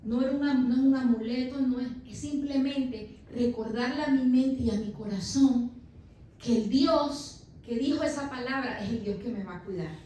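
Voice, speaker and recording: A woman's voice: fairly high pitch, normal speed, mellow, heavy reverb. Woman, pastor, emphatic sermon, heard from far off, faint background noise. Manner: emphatic preaching, calls the listener brother.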